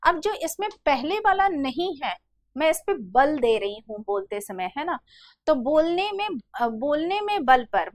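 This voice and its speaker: Middle-aged female teacher, high voice, dry close sound, patient explainer for online exam prep. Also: no room sound. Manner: explanatory, addresses students as "beta". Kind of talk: exam-prep Hindi lesson.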